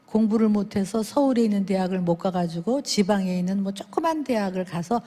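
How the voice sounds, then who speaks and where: A woman speaking at a church service, telling lively stories and acting out the people in them with big swings in her voice. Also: a little fast. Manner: animated, acts out dialogue with big pitch swings. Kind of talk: lively sermon storytelling with acted quotes. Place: church sanctuary. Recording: long reverb of a church hall.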